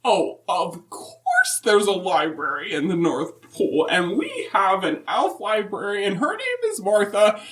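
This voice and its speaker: A woman playing a centuries-old, chatty and opinionated Mrs. Claus in a comic podcast interview, rambling with folksy emphasis. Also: mid-range voice.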